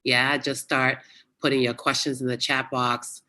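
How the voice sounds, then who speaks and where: A guest speaker giving a casual, chatty motivational talk to young people over a video call, telling stories with lively exclamations. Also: medium pitch, a little slow. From United States. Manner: chatty, animated storyteller with local exclamations. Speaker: guest speaker at youth webinar.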